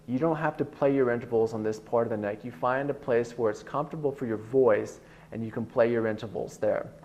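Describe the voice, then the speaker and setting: This guitar teacher has a deep bass-baritone and rambles casually through his explanation with lots of filler words, though his pace stays quick. It's from an online lesson video.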